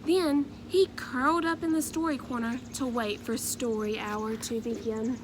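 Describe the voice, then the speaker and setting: A woman narrates a children's story in a fairly high voice, taking her time with every phrase. Her delivery is expressive and measured, over clear background noise. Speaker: storybook reader.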